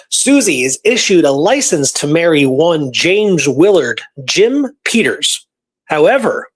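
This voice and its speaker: This history podcast host has a voice on the high side with a breathy edge. He shares his historical research in a conversational, speculative way, reading old records aloud and frequently checking in with the listener.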